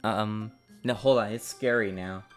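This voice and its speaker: Faint music plays behind a man coding a game live, whose fairly low voice stays steady and unhurried. Streaming as an indie developer, he chats casually and rambles full of fillers, swearing at his code and exclaiming in confusion.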